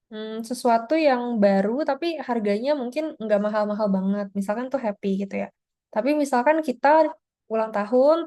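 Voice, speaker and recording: A woman teaches an online speaking-test class over a video call. Her voice sits a little high with a warm, mellow tone. She explains step by step in a relaxed, chatty way, tagging her points with small filler words. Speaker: IELTS teacher.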